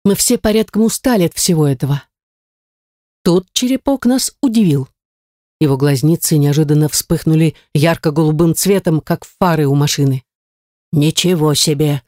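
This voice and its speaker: A woman narrating a first-person fantasy audiobook in a lively, wry manner. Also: low voice, normal speed, no echo, studio quality. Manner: lively wry storytelling with exclamations.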